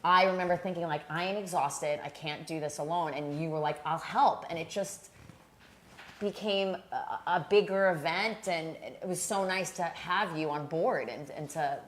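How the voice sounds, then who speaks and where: A woman with a Long Island accent talks casually as a guest, earnest and loose, her speech peppered with "like". Her voice sits on the low side. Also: moderate pace, echoey room, slight background noise. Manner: chatty, frequent "like" fillers, earnest. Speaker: guest, charity event organizer. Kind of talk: casual chat.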